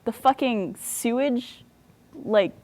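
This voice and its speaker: A woman's voice: fairly high pitch, slow pace, darkish tone. A woman telling a casual anecdote in a blunt, profane way.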